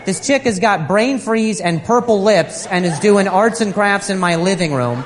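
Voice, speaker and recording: A man performing stand-up with a sarcastic, exasperated edge, his voice rising and dropping in wide, animated swings. His pitch sits a little high for a man, and a faint murmur of ambience hangs in the background. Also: normal speed, a little hiss or hum. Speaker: stand-up comedian. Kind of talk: stand-up comedy routine.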